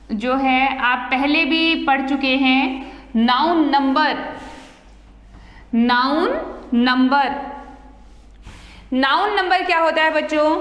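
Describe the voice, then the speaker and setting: A woman teacher with an Indian accent giving an online English lesson to children, slowly drilling pronunciation and repeating words for them to copy. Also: sits high, fairly bright tone. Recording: echoey room with long reverb.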